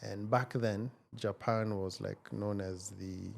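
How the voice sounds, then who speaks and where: A man in his forties, speaking as an interview guest in a measured, reflective way with frequent hesitations. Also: lowish voice, fairly even intonation, vocal fry, a little hiss or hum. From Kenya. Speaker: guest, tech founder. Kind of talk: casual interview conversation.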